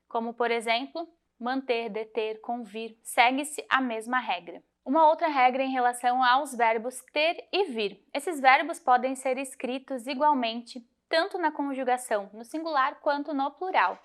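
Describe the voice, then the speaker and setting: A woman teacher guiding students through a grammar lesson, clear and methodical, slowing to spell out example words. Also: high-pitched, fairly bright tone. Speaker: Portuguese teacher. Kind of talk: recorded lesson walkthrough.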